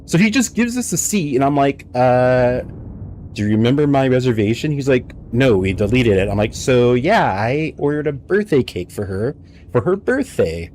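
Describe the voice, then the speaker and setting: With a medium-pitched voice at a moderate pace, this native English-speaking American guy streams from home on a headset, drifting from one animated anecdote to the next in casual gaming chat. Slight background noise is audible.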